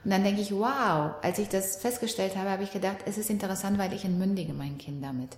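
A middle-aged woman speaks in a calm, reflective way, growing lively whenever she acts out her daughter's words. Her voice is mid-pitched. The room gives it a roomy echo. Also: brisk. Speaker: guest, parenting and relationship coach. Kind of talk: conversational interview.

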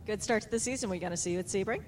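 A woman's voice: medium pitch, rapid-fire, darkish tone, slight background noise. A woman reporting from pit lane, interviewing winners in a breezy, joking manner. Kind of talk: post-race interviews.

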